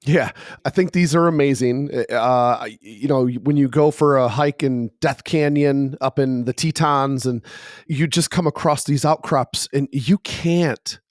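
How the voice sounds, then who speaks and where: A man's voice: medium pitch, unhurried, no room sound, studio quality. A man co-hosting a casual podcast while congested from a cold, sounding nasal, joking and laughing often. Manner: playful, jokey, laughs often. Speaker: podcast co-host. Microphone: microphone held close to the face.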